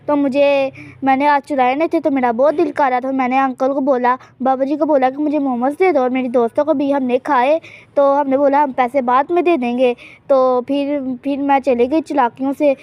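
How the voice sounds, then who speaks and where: High-voiced woman chatting through game role-play. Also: highs cut off. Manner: chatty and teasing, keeps hinting at secrets. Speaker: gameplay channel host. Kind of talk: casual in-character game role-play narration.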